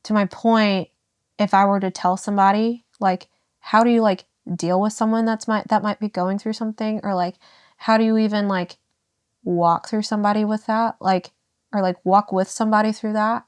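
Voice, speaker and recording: Young woman, podcast guest, candid talk, halting and emotional, mid-pitched voice, dry close sound. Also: fairly even intonation, clean tone, no room sound. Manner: halting, emotional, many fillers and restarts. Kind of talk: candid personal conversation.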